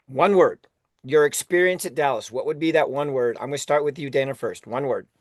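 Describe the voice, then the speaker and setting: A man's voice: mid-range voice, fairly quick, no room sound, studio quality. A man hosting a motivational team call, enthusiastic and often laughing, restarting his words as he goes. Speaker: host of a weekly team call.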